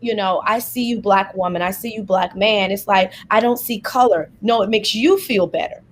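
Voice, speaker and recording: A woman's voice: medium pitch, moderate pace. A woman guest in a conversation, explaining her view thoughtfully with a lot of "like" and "kinda.". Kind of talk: casual conversation.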